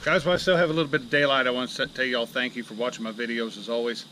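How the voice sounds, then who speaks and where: Hosting a fishing vlog from a small boat on a lake, an Illinois man talks to the camera out of breath and excited, rambling folksily with lots of fillers. His medium-pitched voice comes rapid-fire over poor audio, caught by an action camera mounted in the boat amid loud outdoor wind and water noise.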